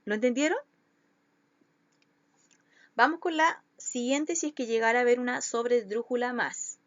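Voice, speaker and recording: A woman's voice: fairly high pitch, moderate pace, no echo, highs cut off. A woman schoolteacher, giving a recorded lesson to children and patiently stretching out syllables to show where the stress falls.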